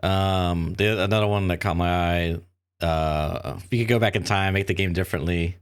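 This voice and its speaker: A man's voice: deep voice, moderate pace, smooth. A man co-hosting a podcast in casual chat, rambling and hesitant, with many filler words. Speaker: podcast co-host.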